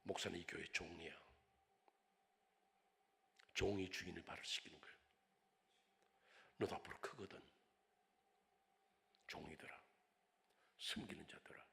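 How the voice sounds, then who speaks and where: An older man preaching a revival sermon as a pastor, telling stories dramatically and swinging from hushed whispers to loud cries. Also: low voice, fairly even intonation, measured pace, creaky, pauses often. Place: church sanctuary. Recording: long hall reverb in a church.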